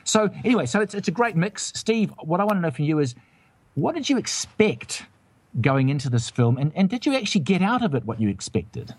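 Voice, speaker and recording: Husky man chatting about a film. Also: a little high, very animated, a little fast, no room sound. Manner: rambling, hesitant, many restarts. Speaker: film review show host. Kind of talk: casual film review chat.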